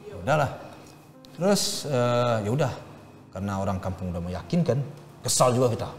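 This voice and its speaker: A middle-aged man recounts his story as an interview guest, stopping and restarting with plenty of fillers. His pitch swings widely as he talks. The voice rings in a reverberant room, with faint music underneath. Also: lively intonation. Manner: halting, with many fillers and restarts.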